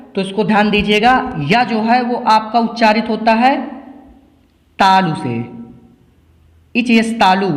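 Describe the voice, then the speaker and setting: A man giving a quiz-style grammar lesson for exam preparation, asking each question and answering it himself, repeating the key memory tricks. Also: high voice. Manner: drills answers by repetition, asks questions then answers them. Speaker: exam-prep teacher. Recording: echoey room with long reverb.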